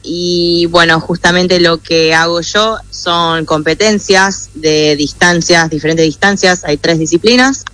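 A young woman from the United States, answering interview questions over a phone call, speaking softly with some hesitation. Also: lowish voice, steady tone, measured pace, few pauses. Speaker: athlete guest. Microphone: phone call over WhatsApp.

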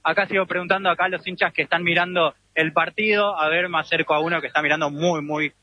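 Argentine radio field reporter interviewing fans. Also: male voice, a little high, fairly even intonation, fast, lo-fi sound. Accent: Argentine Spanish.

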